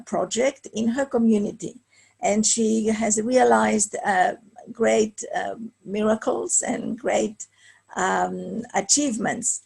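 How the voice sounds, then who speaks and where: A woman's voice: a little high, vocal fry, darkish tone, breathy edge. A woman moderating an online conference panel, speaking hesitantly with many filler sounds over a video call.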